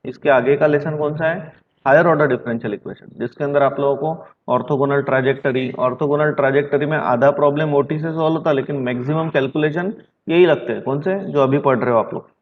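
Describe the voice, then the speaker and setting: Over a dull, lo-fi recording, a stern math teacher from Maharashtra, India, delivers an online lesson at a moderate pace. His voice sits on the high side. He reprimands his students, repeats points, and blends in English math vocabulary.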